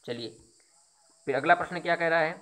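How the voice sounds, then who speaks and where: A man's voice: a little high, brisk, a bit bright. A man teaching Hindi, going through exam questions one by one, explaining each answer with repetition and rhetorical questions. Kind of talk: exam quiz lesson.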